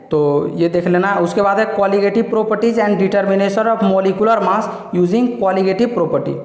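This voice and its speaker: A man teaching a chemistry exam syllabus lesson, saying "ठीक है" after each point and reading English topic titles out slowly. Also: high voice, reverberant, long reverb tail.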